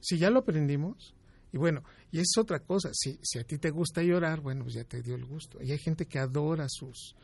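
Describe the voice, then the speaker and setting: A man's voice: a little high, fairly quick, gravelly, darkish tone, breathy edge, no echo. A man, a doctor guest in an interview, giving emphatic advice and explaining with examples.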